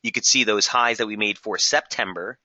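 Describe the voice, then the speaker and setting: A man hosting a live trading webinar, brisk and technical, losing his voice and clearing his throat now and then. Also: fairly low pitch, bright, forceful tone, no room sound. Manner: brisk, technical, addresses viewers as guys. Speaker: market strategist hosting a webinar.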